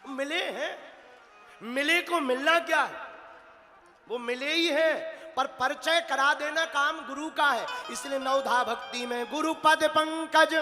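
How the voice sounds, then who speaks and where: Man, preacher, animated devotional sermon, slow deliberate pace, bright tone. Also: very high voice. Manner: animated storyteller, chants verses, shouts for emphasis. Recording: long hall reverb with faint music.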